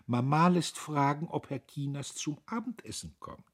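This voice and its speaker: Brief: male reader as a playful, ironic young lady, lilting and raised, husky grain. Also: on the high side, expressive, normal speed, voice pushed up. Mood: teasing. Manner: teasing, lilting.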